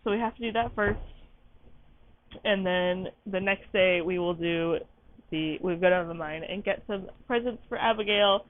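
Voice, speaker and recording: A woman's voice: mid-range voice, moderate pace. Tired, chatty gaming woman. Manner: chatty, rambling, apologetic. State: tired, yawning. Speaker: gaming channel host. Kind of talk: casual let's-play commentary. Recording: tinny phone-like audio, faint music.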